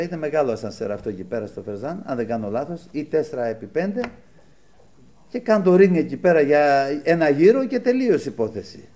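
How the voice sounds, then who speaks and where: A man preaching a sermon, telling stories and acting out heated exchanges. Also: on the high side. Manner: animated storytelling, voice rising when quoting angry people.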